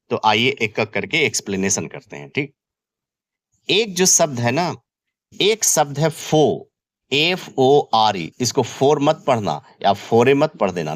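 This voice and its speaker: A man's voice: medium pitch, fairly bright tone, no echo. A man with an Indian accent teaching an exam-prep vocabulary lesson, spelling words letter by letter and repeating key terms. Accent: Indian English.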